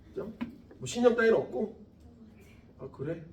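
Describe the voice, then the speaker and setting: In an echoey classroom, a high-voiced man in his thirties teaches physics at normal speed, joking, swearing casually and talking with students. The recording is lo-fi and off-mic, with slight background noise.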